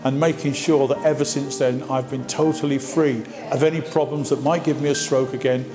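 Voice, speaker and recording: A man's voice: medium pitch, little pitch movement, fairly quick. An older man giving an emphatic personal account to camera. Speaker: interviewee, town crier. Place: indoors in a hospital corridor. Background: music.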